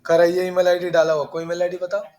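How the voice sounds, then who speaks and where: High-voiced man teaching a class. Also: completely flat delivery, darkish tone. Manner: brisk, scolding, chatty asides. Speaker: computer teacher. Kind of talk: live classroom instruction. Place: small computer classroom with students.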